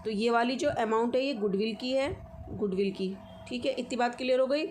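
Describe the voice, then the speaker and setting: A woman's voice: fairly high pitch, normal speed, a little mellow, slight background noise. A woman teaching accounting, walking through the steps one at a time and checking in with her students often. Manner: explains step by step with frequent check-ins. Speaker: commerce teacher. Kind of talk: accounting lesson walkthrough.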